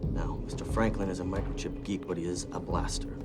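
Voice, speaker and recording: An actor playing a brisk, businesslike police officer briefing his team in a thriller film. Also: sits low, steady tone, music in the background, natural voice.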